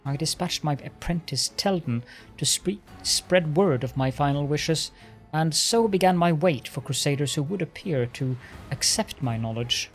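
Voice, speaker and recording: A man's voice: a little high, animated, normal speed, soft background music. A man voicing an arrogant undead lich, a lordly military master speaking with haughty, sneering command in a fantasy game. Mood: haughty, bitter. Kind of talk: dramatic voiced game dialogue.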